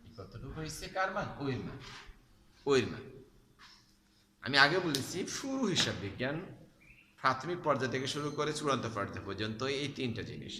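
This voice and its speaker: Bright-voiced man lecturing in an echoey hall. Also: medium pitch, very animated. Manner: repeats terms slowly to drill them in; addresses students directly with questions. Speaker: accounting teacher. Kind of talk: classroom lecture. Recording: echoey hall with faint background noise.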